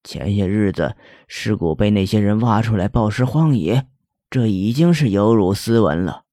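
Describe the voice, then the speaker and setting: A man voicing the ghost of a starved old-time male scholar who speaks in a bookish, lamenting, measured way. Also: lowish voice, animated, mellow, no echo, studio quality. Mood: aggrieved.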